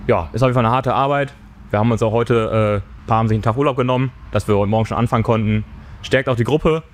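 A man volunteering with a rural youth group, talking eagerly with fillers in a short on-site interview. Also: mid-range voice. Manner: quick, eager talk with fillers. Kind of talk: casual interview clip.

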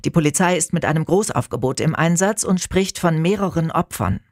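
A woman reading a radio news bulletin in a calm, measured, formal way from a studio. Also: sits low, over loud music. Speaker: newsreader. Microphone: studio microphone.

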